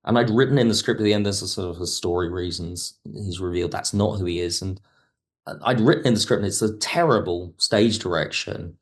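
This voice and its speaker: A writer and director chats casually as a podcast guest, enthusiastic and reflective about his work. His voice is deep and his pace fairly quick.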